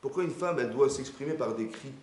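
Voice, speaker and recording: A man, a rabbi, giving a lively lesson to his congregation, questioning the audience and acting out quoted voices. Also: medium pitch, quick pace. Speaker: rabbi teaching a class. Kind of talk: lively sermon-style lesson. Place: synagogue hall. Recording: echoey room, faint ambience.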